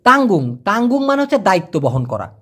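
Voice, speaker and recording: Man, language teacher, high voice, very lively pitch, casual lesson, repeats words slowly. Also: breathy edge. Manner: explains words with repeated slow pronunciations and everyday examples.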